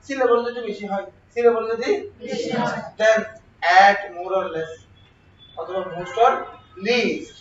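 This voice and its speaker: A man gives a classroom grammar lesson in a high voice, often putting questions to the class and answering them himself. He is recorded from a distance in a roomy space. The sound is dull and lo-fi, with a faint hiss behind him. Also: slow pace, pauses often. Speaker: exam prep teacher.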